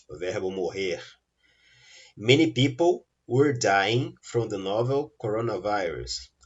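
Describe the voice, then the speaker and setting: A man's voice: lowish voice, slightly rough, dull audio. A male teacher with a Brazilian Portuguese accent explains grammar rules step by step, often checking in with his students. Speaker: English teacher. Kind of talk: recorded grammar lesson.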